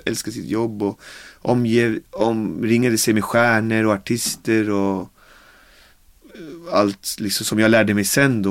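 A man in his forties from the Caribbean tells his story in a casual interview at home, with dogs around. He recounts it animatedly, acting out quotes and using many fillers. His voice is lowish, with no echo.

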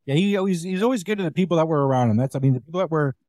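A man's voice: a little high, very fast, darkish tone, dry recording, studio quality. A man who does comedy, telling a story in casual chat and acting out other people's lines. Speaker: comedian guest.

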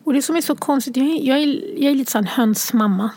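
A woman recounts a personal story, tearful and halting. Her voice sits a little high and often drops to a hushed, near-whispered tone as she searches for words. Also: husky, no room sound. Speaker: guest sharing a personal story.

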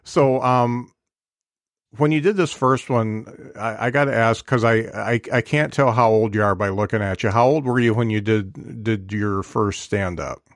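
A man in his fifties hosts a podcast in a relaxed, rambling way, joking at his own expense and stumbling through false starts. His voice is on the low side and sounds dry and close, with no room around it. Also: normal speed, dry recording. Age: 50s. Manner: rambling, self-deprecating, many fillers and false starts. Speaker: podcast host. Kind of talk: casual interview chat.

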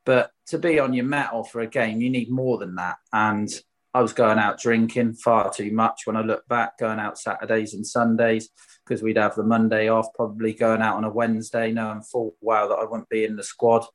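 A former footballer from Swindon, England, with a Wiltshire accent, tells stories in a casual anecdotal interview. His voice is on the low side with a flat delivery at a moderate pace, and he's candid, colloquial and quick to question himself.

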